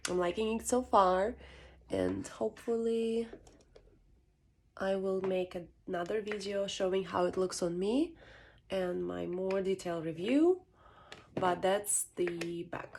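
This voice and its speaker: A woman who sounds a little sick narrates a casual unboxing, softly and hesitantly, often dropping into a near-whisper. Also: medium pitch, takes it slowly, gravelly, long pauses, a little hiss or hum. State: sick, throat often needing clearing. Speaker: vlogger unboxing a purchase.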